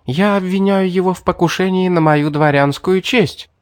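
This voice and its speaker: A spoiled young noble lady from a fantasy audiobook, high, shrill and imperious, her voice pushed well above a normal male register, as a man puts her on. The reading is dry and close, with no room sound at all. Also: normal speed, no room sound, lightly acted. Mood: tearful.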